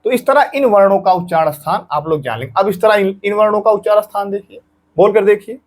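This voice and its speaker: A man with a fairly high voice teaches an exam-prep grammar lesson. He speaks patiently, voicing each sound himself and going over it again for his students. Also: quick pace. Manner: patient, repeats sounds aloud and drills students.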